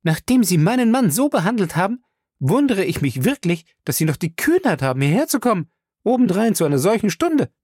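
Ein Mann spielt eine zornige junge Frau, schrill, lebhaft, kratzig. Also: male voice, very animated, darkish tone, no echo, studio quality. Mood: angry. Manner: high, fast, shrill outbursts. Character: Fay, a fiery, indignant young wife.

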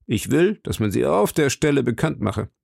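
A man's voice: mid-range voice, sing-song, moderate pace, vocal fry, darkish tone, husky, dry recording, clean studio sound, full character voice. A man voicing an imperious English duke. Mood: commanding. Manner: commanding, imperious. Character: proud agitated English duke, adult man.

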